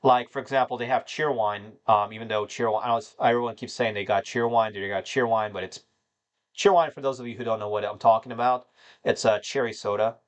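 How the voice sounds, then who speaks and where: This livestream host, a North Carolina man in his thirties, has a fairly low voice with fairly even intonation and a brisk delivery. He rambles casually through viewer questions with many fillers, addressing chat as "man."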